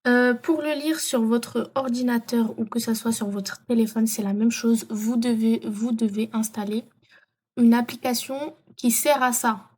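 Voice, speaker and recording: Woman vlogger, casual tutorial, halting with lots of "euh", slightly high mellow voice. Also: steady tone, husky. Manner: hesitant, many fillers and self-corrections.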